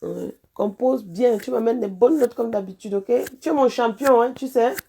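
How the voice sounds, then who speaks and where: A woman with a Cameroonian French accent chatting casually as a vlogger, animated and teasing, with sing-song repetition. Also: on the high side, moderate pace, creaky, a little hiss or hum. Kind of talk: casual chat.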